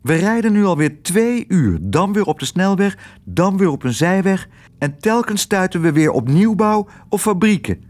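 A man's voice: sits high, sing-song, normal speed, pitched above the performer's own voice. A man voicing a sober, practical father in a storybook reading, sighing and glum. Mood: gloomy. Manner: sober and sighing, at times shouting. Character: gloomy, practical father driving a car.

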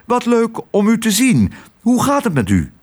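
A man's voice: very high-pitched, huge pitch swings, normal speed, voice pushed up, heavily acted. A man voicing a modest, shy young father who answers politely and a little hesitantly.

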